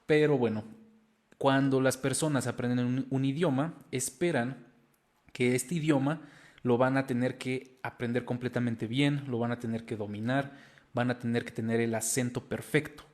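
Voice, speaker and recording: A man's voice: mid-range voice, steady tone, normal speed, a little mellow. Young Mexican guy in his 20s, earnest, encouraging motivational host talking to camera. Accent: Mexican Spanish. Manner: earnest and encouraging, addressing viewers directly. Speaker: language-learning video host.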